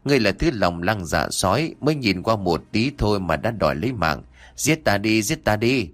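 A man voicing a cheeky, brash young swordsman who talks roughly and defiantly in a storybook reading. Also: on the low side, animated, fairly bright tone. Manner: brash, rough-talking, quick and flustered. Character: cheeky brash young male martial hero.

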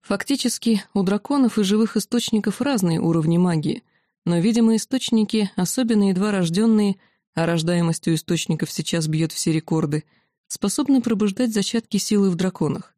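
A woman voicing a calm male dragon commander who explains things patiently, in a storybook reading. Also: medium pitch, brisk, no room sound, studio quality, close to an everyday voice. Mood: measured.

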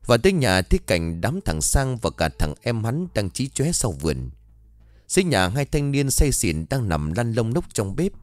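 Lively low-voiced male story narrator. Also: no room sound. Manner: dramatic storytelling.

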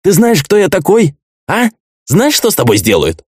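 A shrieking, terrified captive tattooist. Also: male voice, wildly swooping pitch, normal speed, a little mellow, husky, no room sound, clean studio sound, full character voice. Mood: threatening. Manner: shrill shrieking, swearing, sobbing. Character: terrified captive male tattooist, crude, pleading.

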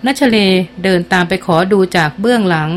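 A woman reading a novel aloud as an audiobook narrator, in a steady storytelling manner that slows down for dialogue. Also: medium pitch, a little hiss or hum.

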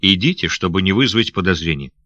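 A man's voice: deep voice, animated, brisk, sharp tone, dry recording. A man voicing a young noble lady who is anxious and loving, speaking in breathless, pleading questions. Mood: earnest.

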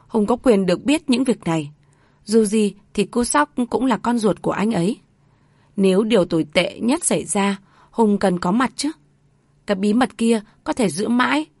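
A woman's voice: medium pitch, moderate pace, darkish tone, no room sound. Woman narrating an emotive audio story. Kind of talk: read-aloud story narration.

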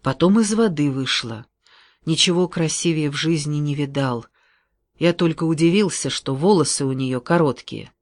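A reader voicing a naive, awkward young man who tells his story haltingly, in an audiobook. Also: mid-range voice, dry recording, studio quality, natural voice. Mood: hesitant. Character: naive awkward young male forester's son.

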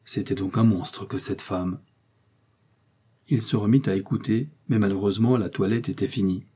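A man narrating a classic novel in a measured, expressive reading. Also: fairly low pitch, breathy edge. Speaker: audiobook narrator. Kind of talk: literary audiobook narration.

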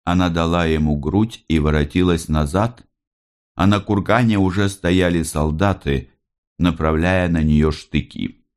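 Deep-voiced man reading a novel aloud. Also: unhurried, a little mellow. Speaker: audiobook reader. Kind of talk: scripted literary narration.

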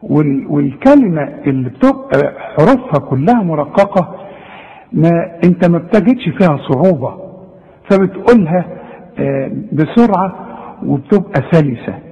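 A man with an Egyptian Arabic accent teaches Quran recitation, pitched high and speaking straight to his student. He corrects mistakes and models each sound himself. A long reverb trails behind his voice. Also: normal speed, highs cut off. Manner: animated, addresses the student directly and models the correct pronunciation. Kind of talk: Egyptian Arabic tajweed lesson.

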